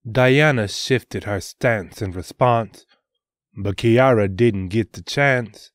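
A man hosting and narrating a scripted adventure story in a measured, deliberate reading. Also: lowish voice, no echo, clean studio sound. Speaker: host and storyteller.

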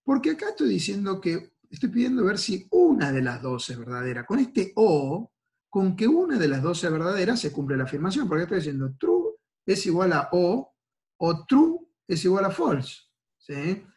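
A male university lecturer with an Argentine Spanish accent walks through a recorded lesson one step at a time. His voice sits a little high for a man, and he keeps checking in with his listeners after almost every phrase. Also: big pitch swings, normal speed, a little mellow. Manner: explains step by step, checks in with frequent "¿sí?" and "¿no es cierto?".

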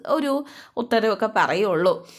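A woman's voice: medium pitch, lively intonation, unhurried. Young husband voiced by a woman, patient, coaxing, placating. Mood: soothing.

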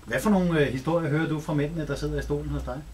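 A Danish man hosting a live radio segment, his voice sitting a little high and lively as he steers the talk with leading questions. He holds a handheld mic in a studio by the windows, with a faint hum of room noise behind him. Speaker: radio host. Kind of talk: live radio feature chat. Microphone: handheld radio microphone.

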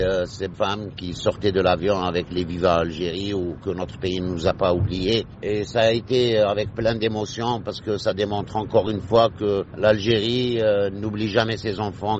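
A man's voice: low-pitched, darkish tone. A man, an airport director, giving an earnest statement with small hesitations in a reported interview. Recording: dull field recording with faint noise.

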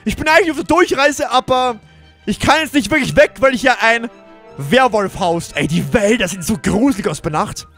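A young man with a very high, bouncy voice hosts a casual gaming roleplay. He jokes around and keeps breaking off to talk to his viewers, with faint music behind him. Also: a little fast. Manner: excitable, jokey, keeps turning to address viewers. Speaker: let's play host.

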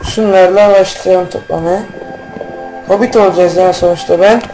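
A man giving casual, rambling let's-play commentary as a gaming YouTuber, slangy and quick to get irritated, with faint game music behind him. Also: sits high, fairly even intonation, low-quality recording.

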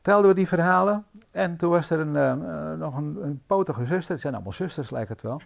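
A man preaching a sermon in a church, telling stories in a lively, anecdotal way with frequent fillers. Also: fairly high pitch, a little fast, gravelly. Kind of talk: sermon storytelling.

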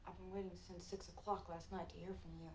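A woman's voice: on the low side, level tone, fast, reverberant, background noise, close to an everyday voice. An actress playing a young woman in a film, speaking in a clipped, reproachful way. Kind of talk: film dialogue.

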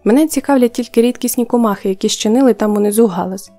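A woman's voice: fairly high pitch, quick pace, mellow, soft background music, natural voice. Woman doing a fussy, muttering Hemulen. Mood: grumpy. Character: slow, mild old male Hemulen collector.

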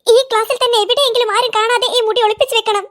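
A voice artist playing a scheming schoolboy in a comic cartoon, nervous and hushed as he plots to hide his mischief. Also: very high voice, steady tone, very fast. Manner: nervous, whispering plotter. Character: scheming schoolboy hiding cut hair.

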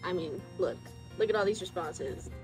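A woman's voice: on the low side, lively intonation, moderate pace, darkish tone, faint music behind. A woman in her twenties hosting a casual chat, reading messages aloud and commenting in an informal, slangy way. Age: 20s. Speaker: host reading viewer confessions.

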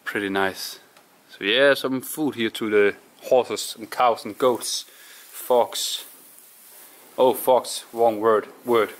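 This slow-speaking Danish man is an urban explorer giving a casual walkthrough of an abandoned house and barn, inside and outside. His voice is mid-range and steady, and he thinks aloud to himself in a halting, musing way.

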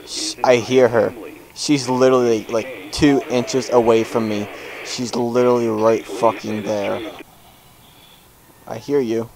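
A man's voice: mid-range voice, flat delivery, measured pace, vocal fry, crowd noise, low-quality recording. A young man commenting on a horror game as he plays, jumpy and swearing, with panicked outbursts. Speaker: gamer. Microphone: headphones with desk mic.

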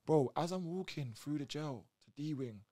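Lively man telling a story. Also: on the high side, normal speed, background noise. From Reading, England. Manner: animated, acts out other people's voices, street slang. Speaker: podcast guest. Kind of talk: casual storytelling.

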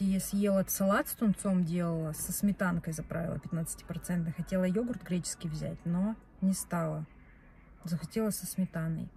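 A young adult woman vlogs casually to a phone camera mounted on the dashboard of her parked car, chatting, rambling and correcting herself often. Her voice sits on the low side and sounds mellow, with slight background noise.

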